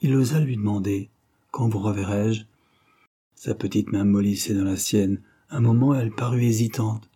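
A man narrating a classic novel in a measured, even manner. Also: on the low side, breathy edge. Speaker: audiobook narrator. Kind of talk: scripted literary narration.

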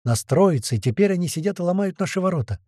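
A man voicing a tense scientist who shouts urgent warnings in an audiobook. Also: high voice, animated, quick pace, no echo, clean studio sound, pitched above the performer's own voice. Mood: agitated. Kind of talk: audiobook character voice.

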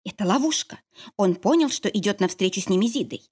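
A woman's voice: mid-range voice, animated, a little fast, a little mellow, breathy edge. Woman as a fierce commanding heroine. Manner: snapping, growling orders. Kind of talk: audiobook character voice.

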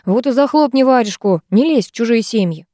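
A woman voicing a sullen, sharp-tongued teenage girl in an audiobook, curt and scornful, in a dry, close recording. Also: medium pitch, fairly quick, no room sound, close to an everyday voice.

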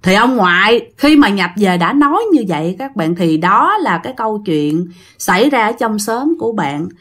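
A woman's voice: medium pitch, normal speed. A woman with a Southern Vietnamese accent casually narrating a ghost story, talking directly to her listeners. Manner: animated, addresses listeners directly.

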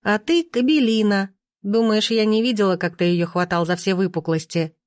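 A woman reader voicing a furious, scornful young woman shouting mockery from a balcony. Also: moderate pace, no room sound, studio quality, natural voice. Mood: mocking. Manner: shrill and mocking.

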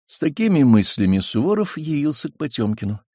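A man narrating a biography audiobook in a measured, expressive reading on a close studio mic. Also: a little high, breathy edge, no echo.

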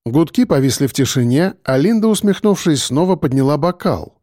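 Мужчина-чтец с мягким тёмным голосом. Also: male voice, a little high, animated, a little fast, mellow, dry recording, studio quality. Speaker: audiobook reader. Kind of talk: scripted audiobook narration.

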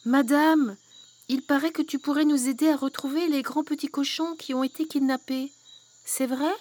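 A woman's voice: high voice, fairly even intonation, normal speed, darkish tone, close to an everyday voice. A woman reading a storybook aloud, voicing a brave, polite little girl who speaks earnestly.

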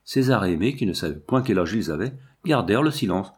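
A man narrating a classic children's story in a measured reading voice. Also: lowish voice, sing-song, husky. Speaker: audiobook reader.

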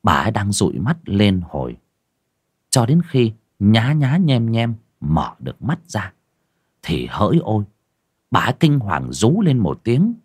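A man narrating a horror audiobook in a dramatic, expressive reading. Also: fairly low pitch, unhurried, breathy edge, no room sound, clean studio sound. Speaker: storyteller.

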